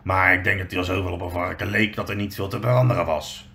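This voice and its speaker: Man reading aloud as a gruff good-natured giant, deep rumbling, rough-spoken, storybook. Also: fairly even intonation, fast talker, sharp tone, a little hiss or hum, heavily acted. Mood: rueful.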